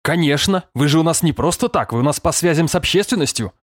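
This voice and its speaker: A man's voice: on the high side, lively intonation, brisk, no room sound, clean studio sound, voice pushed up. A man voicing a furious, stout middle-aged police lieutenant colonel who scolds with bellowing sarcasm. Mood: raging.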